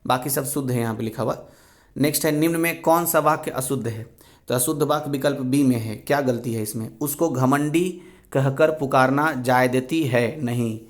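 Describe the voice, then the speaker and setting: A man tutoring for an exam, explaining spelling and grammar answers patiently and slowly repeating the key words. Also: mid-range voice. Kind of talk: exam revision lesson.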